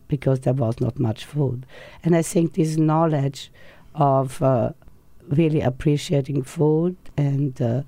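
Older woman, dark dry voice. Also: low-pitched, no echo. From Austria. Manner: rambling, with many fillers and restarts. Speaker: interview guest. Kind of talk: casual interview conversation.

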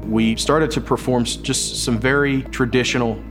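A man's voice: mid-range voice, steady tone, normal speed, music in the background. A man speaking as an investigator, recounting a case in a documentary interview.

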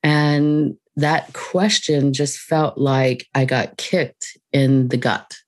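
An interview guest telling a personal story in a casual, reflective way, with many fillers and soft laughs. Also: mid-range voice, steady tone, takes it slowly.

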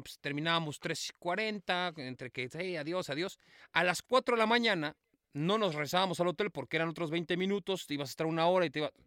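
Fast bright-voiced Mexican man. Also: high-pitched, no echo, clean studio sound. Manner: crude slang-heavy anecdote telling with acted quotes. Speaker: podcast co-host. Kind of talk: casual storytelling chat.

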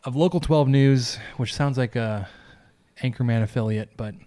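A man hosts a casual sports podcast with a gentle giant voice. His tone is mellow and dark, at a middling pitch. He talks loosely and informally, as if chatting with a friend. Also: normal speed. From Texas, United States. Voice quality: gentle giant voice, soft and big. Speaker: podcast host.

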